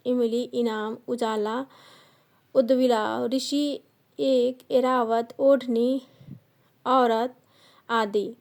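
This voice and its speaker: A woman gives a grammar lesson at an unhurried, dictation-like pace. Her voice sits a little high but sounds soft and mellow. She reads out each sound and example word one at a time. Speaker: teacher. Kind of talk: slow classroom grammar lesson.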